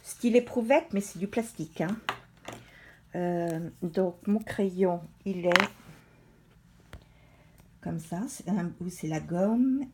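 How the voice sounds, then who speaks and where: A woman's voice: on the low side, slow pace, long pauses, noisy background. A woman with a young daughter, chatting casually and rambling in a self-mocking way as she shows off her purchases. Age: adult with a young daughter. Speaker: vlogger showing a haul. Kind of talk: casual show-and-tell vlog. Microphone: handheld phone.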